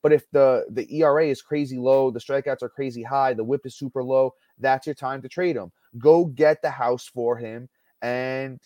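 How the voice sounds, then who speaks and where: A man's voice: mid-range voice, fairly even intonation, normal speed, warm tone, no room sound. Chatty man reading off stats on a podcast. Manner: chatty, stat-heavy, many fillers and restarts. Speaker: podcast host. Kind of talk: casual sports podcast talk.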